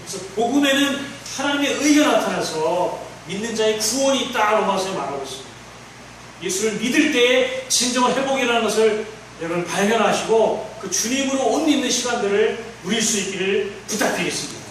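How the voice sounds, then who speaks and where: A man preaching a fervent sermon as pastor, swinging from near-shouts down to quiet, low-voiced storytelling. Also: animated, brisk. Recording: very echoey hall, voice from far off, faint noise.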